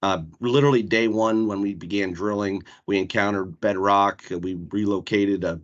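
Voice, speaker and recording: A man's voice: on the low side, fairly even intonation, normal speed, highs cut off. A man presenting a construction project in a work meeting over a video call, talking casually with frequent fillers. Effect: heard over a video call.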